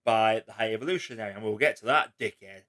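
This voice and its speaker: A man's voice: on the low side, quick pace, fairly bright tone. Casual rambling male film chat host. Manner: rambling, lots of "like", swears casually.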